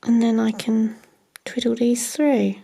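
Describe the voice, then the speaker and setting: Chatting to herself as she crafts, this woman often half-whispers and chuckles in a self-mocking way. Her voice sits on the high side, steady and measured, with a gravelly, dark tone. She's a crafting vlogger making casual talk while she works.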